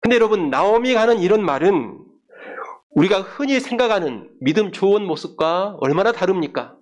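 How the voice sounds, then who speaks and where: A male pastor preaching a measured sermon, addressing the congregation directly and voicing quoted laments in a pleading tone. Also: high-pitched, lively intonation.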